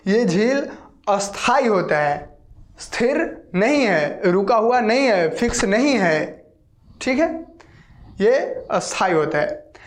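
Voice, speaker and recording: A geography teacher talks through an online lesson at an unhurried, patient pace. The teacher breaks words into single sounds and repeats them several times so learners can follow, and keeps checking in with the listener along the way. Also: medium pitch. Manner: patient, repeats words and drills pronunciation slowly.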